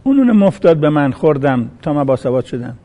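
Male preacher, mellow dark tone, a bit high-pitched, recites verses and tells stories. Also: big pitch swings. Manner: quotes Arabic verses, acts out quoted voices in a story. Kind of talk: sermon with a told story.

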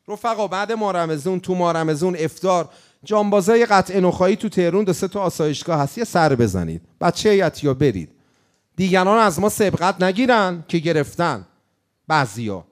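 A male preacher with a fairly high voice that swings widely up and down. He tells his sermon as a lively story and slips into chanting at times. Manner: animated storyteller, breaks into chanted phrases.

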